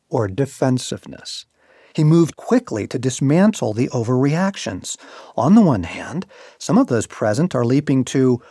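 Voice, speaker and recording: A man reading a devotional aloud, with expressive, shifting emphasis. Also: medium pitch, breathy edge, dry recording, studio quality. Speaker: devotional reader.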